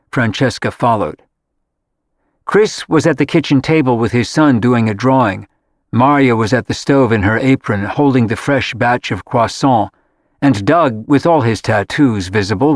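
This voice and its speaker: A man narrating an audiobook in a steady, measured reading. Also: mid-range voice, no echo, clean studio sound. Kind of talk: scripted narration.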